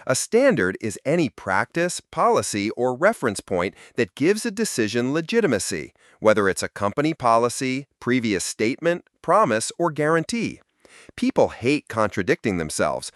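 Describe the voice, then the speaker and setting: A man reading a scripted explanation in an even, explanatory delivery. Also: medium pitch, no echo, clean studio sound. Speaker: narrator. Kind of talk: scripted narration.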